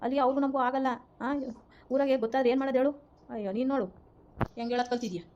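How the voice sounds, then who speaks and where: A woman's voice: high-pitched, fairly even intonation, racing, darkish tone, dull audio, lightly acted. A woman playing a furious middle-aged mother-in-law who scolds and threatens to protect the family's honour. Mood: indignant.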